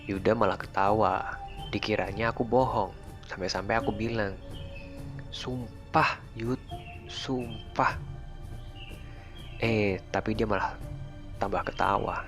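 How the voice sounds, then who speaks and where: A man narrating a first-person horror story in a relaxed, conversational way. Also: fairly low pitch, moderate pace, vocal fry. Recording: faint music underneath. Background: faint background music.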